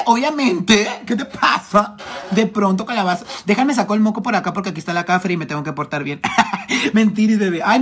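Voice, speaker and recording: A male makeup artist with a high-pitched, fairly bright voice goes live on his phone, reading viewer comments and chatting with teasing flamboyance. He hails from Tijuana and speaks with a northern Mexican accent.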